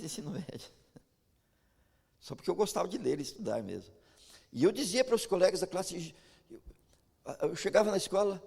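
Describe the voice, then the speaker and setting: A Brazilian man preaching in a large church, his voice gravelly and a little husky with a long reverb trailing behind it. He tells stories as he preaches and stumbles into stammered restarts, with a Brazilian Portuguese accent. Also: a little high. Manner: storytelling, animated, frequent stammered restarts. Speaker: pastor. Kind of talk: sermon with personal stories. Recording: echoey church hall.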